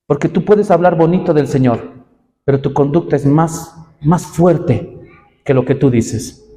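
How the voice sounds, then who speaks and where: A man preaching a sermon to young people, impassioned and rising in pitch for emphasis. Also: warm tone, long reverb tail. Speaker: pastor. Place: church.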